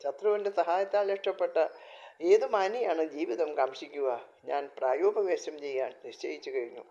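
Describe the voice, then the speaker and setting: A man voicing a humiliated, despairing king in a storybook telling, read quietly on a dull lo-fi recording. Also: on the high side, moderate pace, lightly acted.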